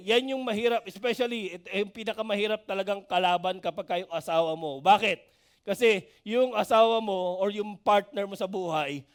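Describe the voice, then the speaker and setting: A man's voice: sits high, smooth. A man preaching a conversational sermon, chatty and searching for words, often checking in with the congregation through rhetorical questions. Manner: lots of hesitation fillers and restarts while searching for words.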